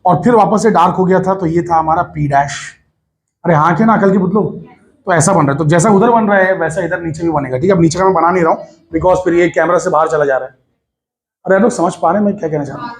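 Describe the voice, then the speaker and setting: A man teaching physics to a class of students, lively and coaxing, calling them to listen and asking if they follow. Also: a little high, quick pace. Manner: lively, coaxing, addresses students as beta, mixes English phrases.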